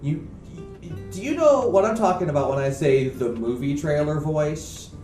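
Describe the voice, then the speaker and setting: A man's voice: on the high side, normal speed, faint music behind. A man co-hosting a podcast, chatting casually and eagerly jumping in to finish his co-host's sentences. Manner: excitable, jumps in to finish the other host's sentences. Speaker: podcast co-host. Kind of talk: casual chat. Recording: echoey room, distant mic.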